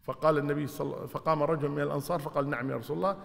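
A man's voice: a little high, steady tone, very fast, vocal fry. A man teaching a religious lesson, explaining and retelling the narrators' words in an informal way. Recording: hall with long reverb.

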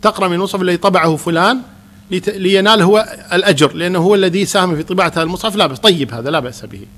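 A man leads a question-and-answer religious lesson as a Quran teacher. His voice sits high for a man, and he speaks quickly. He explains in a calm, reassuring manner.

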